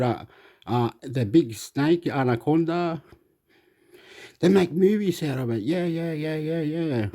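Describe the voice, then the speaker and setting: Guy riffing over a video, warm and loose, repeats phrases, laughs a lot. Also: mid-range voice. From Chile. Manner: rambling, repetitive, laughs often. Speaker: vlogger commenting on a video. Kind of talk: casual rambling commentary.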